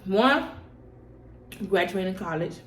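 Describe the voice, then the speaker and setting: A woman's voice: mid-range voice, expressive, takes it slowly, fairly bright tone. A young adult woman chatting casually as a vlogger, informal and slangy, repeating herself for emphasis. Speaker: vlogger answering personal questions. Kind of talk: casual mukbang chat to camera. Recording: echoey room with faint background noise.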